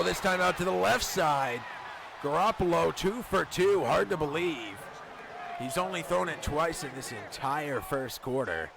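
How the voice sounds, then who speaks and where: A male football play-by-play announcer with a gravelly edge and an unhurried, measured pace. His delivery is dramatic and emphatic, with clear noise behind him. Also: a little high. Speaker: play-by-play commentator of a football video game league stream. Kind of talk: American football play-by-play commentary.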